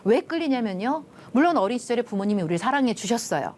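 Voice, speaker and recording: A middle-aged woman gives a television lecture, and her pitch rises and falls a lot as she tells her story. She acts out the quoted lines and then softens to a near hush at the tender parts. A faint studio noise sits behind her voice. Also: lively intonation, quick pace. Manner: drops to soft hushed tones at tender moments. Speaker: lecturer, love institute director.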